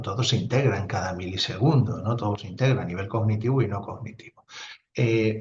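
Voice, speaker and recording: A man giving a neuropsychology lecture, explaining with fillers and asides. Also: lowish voice. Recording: dull lo-fi recording.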